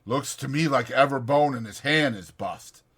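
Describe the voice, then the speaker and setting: A man voicing a calm, authoritative ranch worker with a level, commanding way of talking. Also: medium pitch, moderate pace, slightly rough, pitched above the performer's own voice. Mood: steady. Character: calm authoritative male mule skinner, steady.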